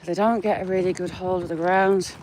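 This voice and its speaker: A woman's voice: fairly low pitch, steady tone, fairly quick, darkish tone, slight background noise. A woman with a northern English accent, chatting to her viewers by name while walking outdoors in the countryside. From England. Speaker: vlogger. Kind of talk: casual live-chat walk vlog.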